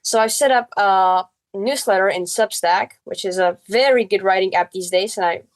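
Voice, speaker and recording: A girl in her early teens from the Czech Republic, a native Czech speaker with a Czech accent, tells her story casually as a guest on a podcast. Her female voice is mid-range and moves at a normal speed.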